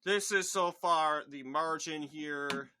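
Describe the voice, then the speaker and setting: Bright-voiced young man as election night analyst. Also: on the high side, slight background noise. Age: young adult, about 20. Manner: halting, rambling, self-correcting. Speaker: channel host giving election results analysis.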